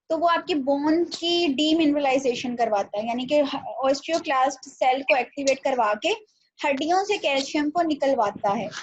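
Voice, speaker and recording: Patient woman teaching over a muffled call. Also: sits high. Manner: patient, explains step by step with fillers. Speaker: nutrition teacher. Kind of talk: online class lecture. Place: home video call. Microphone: laptop or phone mic on a video call. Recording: dull, lo-fi video call audio with faint noise.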